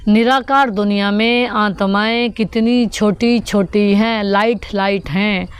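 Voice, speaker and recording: A woman's voice: medium pitch, steady tone, slow pace, clear, resonant tone, dry recording. A woman giving a devotional sermon that explains the daily spiritual teaching, repeating each point and putting rhetorical questions to her listeners.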